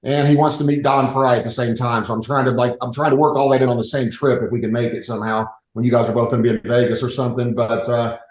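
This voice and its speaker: A man's voice: mid-range voice, fairly even intonation, fast talker, few pauses, a little mellow, roomy sound, rough recording. A man in casual podcast chat, rambling with lots of fillers and restarts.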